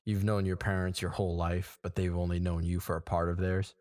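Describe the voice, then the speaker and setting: With a low voice and a slightly quick pace, this twenty-something podcast co-host tells stories in casual chat from a small room. He gets animated, performing the reactions of the people he quotes.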